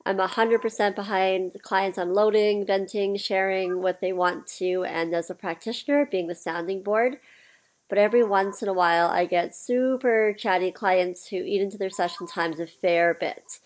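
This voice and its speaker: A woman mentor speaking casually to her group. She is getting over a cold and sounds scratchy, clearing her throat now and then. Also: medium pitch, steady tone, normal speed. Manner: chatty, practical, with fillers and throat clearing. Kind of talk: recorded mentorship session.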